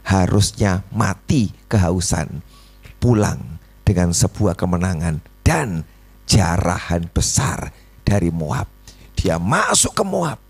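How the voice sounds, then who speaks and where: Man, middle-aged, Javanese accent, pastor, sermon, low gravelly husky voice. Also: slow pace, soft background music. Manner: animated, jumps into high voice for dialogue. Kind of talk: sermon with storytelling.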